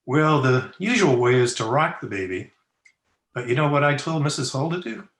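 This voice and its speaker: A crusty town doctor from the Old West, played by a man in a radio drama, recorded in an echoey room. He has a mid-pitched voice and a dry, teasing, folksy manner. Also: expressive, moderate pace, fairly bright tone, close to an everyday voice. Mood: wry, teasing. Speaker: actor in an amateur radio drama. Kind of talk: old-time Western radio acting. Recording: roomy, echoey video-call recording.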